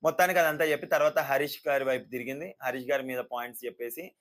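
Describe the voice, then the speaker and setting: A man giving a casual, sarcastic review of a reality show, animated and mocking. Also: medium pitch, racing. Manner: sarcastic, animated, mimics people.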